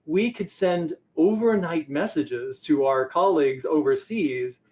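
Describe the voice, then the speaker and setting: An older man gives a conversational presentation on business technology, raising questions and then answering them himself. His voice is fairly high and mellow, and his pace is measured. The audio sounds dull and lo-fi.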